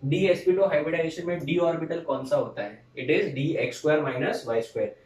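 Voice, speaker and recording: Male teacher, fairly high voice, quizzing his class and answering for them; roomy, distant mic. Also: fairly quick, darkish tone. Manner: explains step by step, quizzes the students and answers for them. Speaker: chemistry teacher. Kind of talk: classroom lecture.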